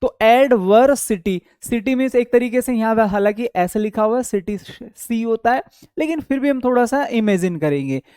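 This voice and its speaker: Male tutor for an online exam-prep class, warm mellow tone, dry close sound, answers his own questions and stretches key words slowly. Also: very high-pitched, expressive, clean tone, no echo. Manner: asks questions and answers them himself, drawing out key words; repeats words slowly for memory. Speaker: English vocabulary teacher.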